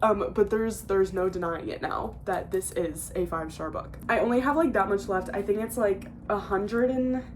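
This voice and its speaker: A woman's voice: medium pitch, normal speed, few pauses, a little hiss or hum. Gushing teen girl book vlogger. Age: teens. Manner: gushing, emotional, filler-heavy. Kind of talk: casual reading vlog. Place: home.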